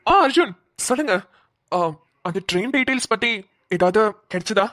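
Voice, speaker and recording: A woman's voice: fairly high pitch, expressive, moderate pace, a bit bright. A woman voicing a young male police officer who reassures and protects his partner in a cartoon. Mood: caring. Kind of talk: cartoon voice acting.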